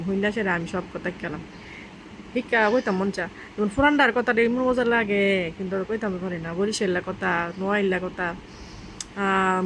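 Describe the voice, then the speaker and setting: A woman's voice: mid-range voice, fairly bright tone, a little hiss or hum. A woman vlogger with a rural Bangladeshi dialect, chatting to her viewers outdoors in a homely, rambling way. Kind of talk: casual chat to viewers. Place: outdoors near birds.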